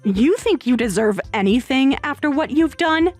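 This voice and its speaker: A woman voicing a stern, scornful sister-in-law in a dramatized text story, low and measured. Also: animated, darkish tone, faint music behind.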